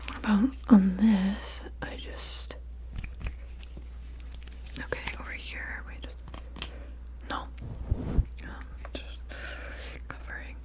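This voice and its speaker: A woman in a whispered role-play, mumbling to herself in a breathy whisper with soft murmurs, hums and half-finished phrases that trail off. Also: medium pitch, flat delivery, slow, long pauses. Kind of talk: whispered ASMR role-play of studying the listener and taking notes.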